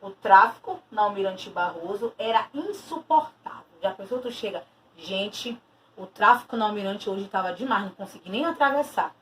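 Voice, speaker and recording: A woman's voice: mid-range voice, lively intonation, moderate pace, fairly bright tone. A woman teacher giving a recorded lesson, explaining patiently and stressing key terms as she repeats them. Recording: distant mic with faint noise.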